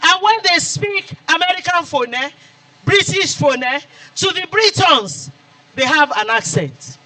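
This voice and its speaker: Nigerian male lecturer, very high and bright voice, emphatic repetitive oratory. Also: animated, takes it slowly, rough recording. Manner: emphatic oratory with repeated phrases. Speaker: guest lecturer. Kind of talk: formal public lecture.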